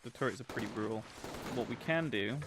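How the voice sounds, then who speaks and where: Over the ambient sounds of a video game, a man with a lowish voice talks briskly. His livestream commentary is relaxed, conversational, and explanatory as he plays.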